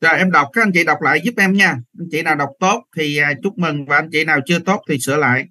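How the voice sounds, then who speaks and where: Man, pronunciation teacher, high voice, patient word-by-word drilling, online class mic. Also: pushed and bright, low-quality recording. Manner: repeats words slowly for learners, patient and corrective.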